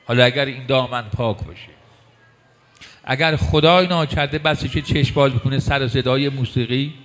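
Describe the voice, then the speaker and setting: A man preaching a sermon, emphatic, repeating key words and slowing down for weight. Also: medium pitch, a bit bright.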